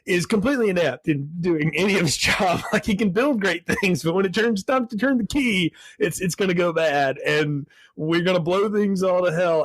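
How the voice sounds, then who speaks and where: A man's voice: high-pitched, no echo. A man co-hosting a film podcast, rambling casually and laughing often as he reviews a movie. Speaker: podcast co-host.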